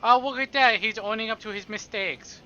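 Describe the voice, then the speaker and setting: A man with a high, bright, forceful voice speaks briskly while streaming a visual novel, narrating aloud and cracking playful, sarcastic jokes in between. Game music plays under dull, lo-fi stream audio that has a little hiss or hum.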